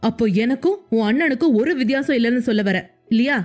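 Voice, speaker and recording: A woman's voice: fairly high pitch, quick pace, darkish tone, faint music behind, natural voice. A woman voicing an angry, hurt young husband who argues in heated, insistent questions. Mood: angry pleading.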